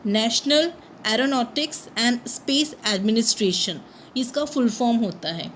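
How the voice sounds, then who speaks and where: A woman teaching a grammar lesson. Her voice sits a little high, and she keeps asking questions and then answering them. A faint hiss runs under the recording. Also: fairly bright tone, poor audio. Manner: asks the class questions and answers them herself, switches between Hindi and English; reads English definitions slowly and carefully.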